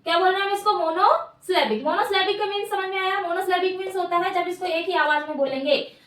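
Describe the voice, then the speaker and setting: At a board, a woman gives a very fast grammar lesson in a high, bright voice with fairly even intonation, asking questions and answering them herself while repeating each key word. The mic is placed at a distance, making the room sound echoey.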